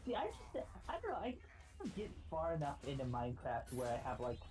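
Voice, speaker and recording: A man's voice: on the high side, wildly swooping pitch, fairly quick, a little mellow, rough recording. A man co-playing on a stream, chatting in a rambling, laid-back way full of fillers. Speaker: guest co-player on a stream. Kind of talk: casual gaming stream chat.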